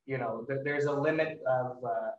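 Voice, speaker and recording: A man's voice: medium pitch, moderate pace. A man chatting casually as a podcast host, in a hesitant, rambling, self-deprecating way. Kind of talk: casual chat, hosting an interview podcast. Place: indoors, in-person podcast recording. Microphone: microphone at some distance, no windscreen. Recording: echoey room, distant mic, dull sound.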